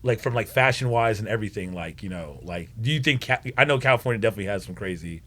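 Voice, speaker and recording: A man's voice: on the low side, animated, fast talker, sharp tone. A man hosting a casual podcast, talking in a loose, slangy way full of fillers. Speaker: podcast host.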